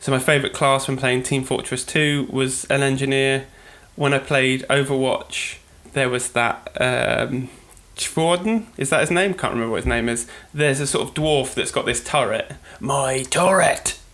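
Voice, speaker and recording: Uk guy on a podcast just rambling along, fixing his words as he goes, middle pitch. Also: normal speed, a bit bright. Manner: rambling, self-correcting, chatty. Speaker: podcast co-host. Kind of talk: casual podcast monologue.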